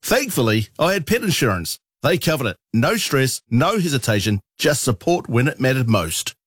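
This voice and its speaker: A man's voice: medium pitch, big pitch swings, moderate pace, fairly bright tone, husky, dry recording, studio quality. A man, a real estate agent, speaking in a personal, earnest testimonial radio advert.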